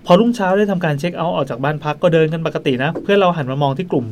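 A man hosting a podcast, telling a ghost story in a quick, chatty way into a studio mic. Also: on the high side, a little mellow. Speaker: podcast host.

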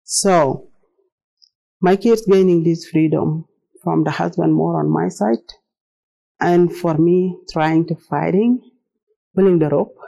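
This rough recording captures a middle-aged South Sudanese woman whose first languages are Arabic and Dinka. She tells her personal story in earnest, simply worded English with a South Sudanese accent. Her lowish, mellow voice is creaky, and she speaks slowly with long pauses.

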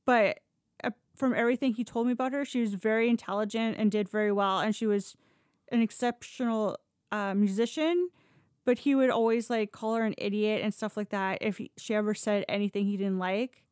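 This woman, hosting a podcast, tells stories in a relaxed, chatty fashion, informal and blunt with casual cursing. Her medium-pitched voice has a darkish tone and runs a little fast, on a dry, studio-quality recording.

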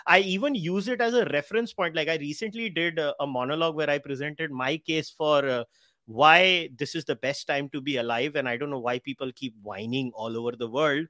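Male podcast host, higher-pitched voice, dry close sound, emphatic, candid, code-switching into Hindi. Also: fairly quick, pushed and bright, dry recording. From India. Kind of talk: conversational interview talk.

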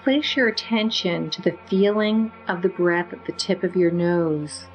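A woman leading a guided meditation with slow, soothing, gentle instructions. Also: fairly low pitch, lo-fi sound, soft background music.

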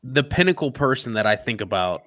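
A man's voice: medium pitch, expressive, fairly quick, fairly bright tone, dry recording. An easygoing man chats on a casual podcast with dry humor and casual swearing. His voice is recorded close and dry, with no room sound. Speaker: podcast co-host.

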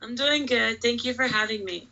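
A woman's voice: a little high, normal speed, gravelly, sharp tone, muffled recording. A woman in her twenties from Puerto Rico, chatting casually as a podcast guest and peppering her talk with "like". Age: 20s. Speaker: pro wrestler, podcast guest. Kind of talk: casual chat.

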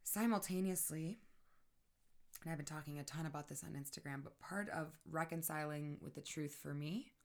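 A woman with a notably low, deep voice talks through her own grief in a reflective personal monologue. She speaks softly and earnestly, often sinking to a hushed near-whisper, and keeps checking in with the listener. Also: normal speed.

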